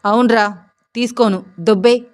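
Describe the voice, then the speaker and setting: A woman's voice: fairly high pitch, steady tone, normal speed, close to an everyday voice. A woman voicing a rude, drunk, corrupt male head constable who bullies and mocks. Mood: mocking. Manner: bullying, mocking, shouting.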